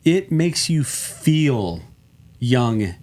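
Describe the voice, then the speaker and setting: A man's voice: medium pitch, big pitch swings, very slow, darkish tone. A man co-hosting a podcast, chatting casually and gushing enthusiastically about music. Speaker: podcast co-host. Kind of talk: casual chat.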